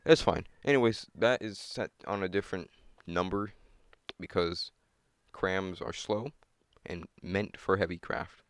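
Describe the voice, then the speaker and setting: A young gamer mutters and thinks aloud while setting up a computer game, griping at himself self-critically in casual gameplay commentary. His low, unhurried voice is clear and resonant with no echo, captured on a cheap desk mic.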